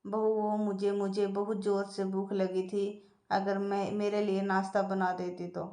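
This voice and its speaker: A woman voicing a gentle, trusting elderly mother who speaks softly and hesitantly, in a storybook reading. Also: mid-range voice, little pitch movement, a little slow, natural voice. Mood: pleading. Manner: soft, pleading, hesitant. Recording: echoey room.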